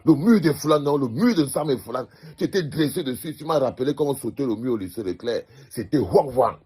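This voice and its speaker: Husky man with a Cameroonian accent. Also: medium pitch, lively intonation, fairly quick, a little mellow. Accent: Cameroonian French. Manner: emphatic repetition, fatherly teasing. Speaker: comedian addressing the national team. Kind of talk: comedic monologue.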